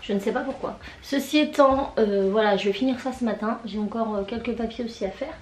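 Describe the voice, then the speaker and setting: A woman vlogs casually in a fairly high voice that is hoarse and worn from swollen tonsils. She rambles with hesitations, and the room around her echoes noticeably. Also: a little fast, slight background noise. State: sick with tonsillitis, hoarse, voice mostly gone. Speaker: vlogger. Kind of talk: casual vlog chat. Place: indoors, bedroom. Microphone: camera on a tripod.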